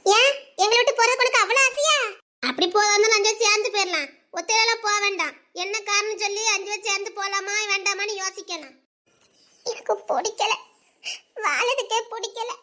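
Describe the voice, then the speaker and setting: A woman's voice: very high-pitched, brisk, bright, forceful tone. A young woman, playing a talkative, teasing village woman in a dialect drama. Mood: bantering.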